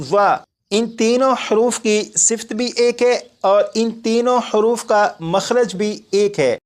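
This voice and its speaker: Man patiently teaching letter sounds. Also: sits high. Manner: patient, repeats each point and sounds out letters slowly. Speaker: Quran recitation teacher. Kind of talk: classroom lesson.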